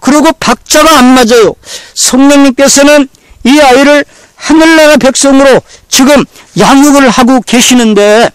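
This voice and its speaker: A man's voice: extremely high pitch, normal speed, dry recording. A man preaching a sermon as pastor, repeating phrases again and again and firing rhetorical questions at the congregation. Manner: repeats phrases over and over for emphasis.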